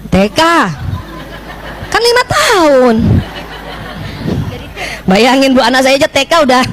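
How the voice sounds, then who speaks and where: A middle-aged woman from Indonesia giving a lively parenting talk to mothers, often asking the audience questions and acting out how she scolds a child. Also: high-pitched, unhurried, a little hiss or hum, poor audio.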